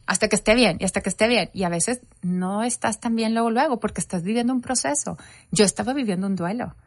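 A woman, telling her family's story in a sit-down interview. Her voice sits in a middle register and is recorded close, with a dry sound and no room echo. She tells the story with life and acts out the conversations she remembers. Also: mid-range voice. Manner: animated storytelling, acting out quoted dialogue.

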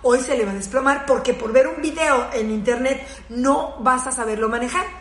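High-voiced Mexican woman telling a comic anecdote. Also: moderate pace. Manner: animated, swearing, laughs through her words. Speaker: storyteller. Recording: echoey room.

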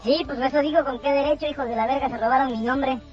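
A man's voice: very high voice, fairly even intonation, quick pace. A Mexican man calling in over the phone, swearing and bossing the hosts around in mock anger. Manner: foul-mouthed, bossy, mock-angry. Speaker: caller. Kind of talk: crude joking banter. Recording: dull lo-fi phone call with music behind.

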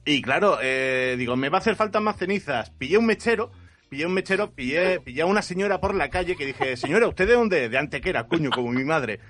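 Brief: male improv player, a little high-pitched, rambling comic storyteller. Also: expressive, a little fast, a bit bright. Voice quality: bearded. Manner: rambling, repeats words, laughs while telling.

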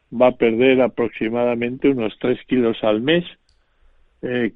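A male doctor heard over the phone, giving measured, formal advice on a radio show. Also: mid-range voice, no room sound. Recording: dry narrow phone line.

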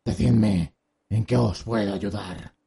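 A calm, gravelly monster hunter. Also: male voice, lowish voice, takes it slowly, full character voice. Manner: calm, formal and patient. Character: calm, patient adult male monster hunter. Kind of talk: audiobook radio drama acting.

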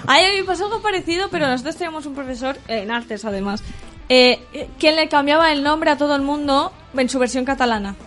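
A young woman in casual podcast chat, animated and laughing as she tells school stories and acts out the dialogue. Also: high-pitched, fast, faint music behind.

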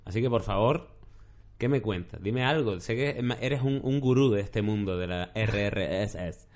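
A man's voice: on the low side, moderate pace. A middle-aged man, chatting casually as a podcast host and telling rambling stories. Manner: rambling, storytelling with shouted impressions. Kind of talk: casual chat.

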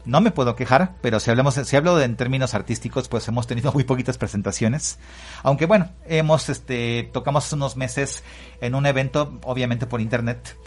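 A Mexican man, a guest musician on a casual radio interview, talks freely and at length in a mid-range voice at a slightly fast pace. His speech is full of filler words like "pues" and "este."

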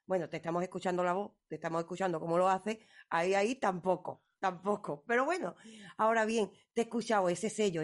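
A woman, interviewing a guest on the radio with enthusiasm. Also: mid-range voice.

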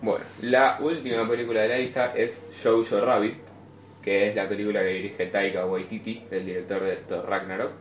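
The echoey room with a faint hum holds a young podcast host with a Rioplatense Spanish accent, talking films casually among friends. His voice sits on the low side at a moderate pace, and he's blunt, curses freely and livens up when excited.

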